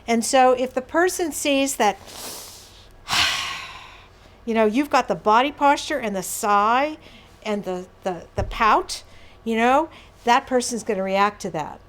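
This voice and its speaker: Unhurried and fairly bright in tone, a woman with a fairly high-pitched voice gives an educational workshop on behaviour management. She explains patiently to the audience with everyday examples and asides.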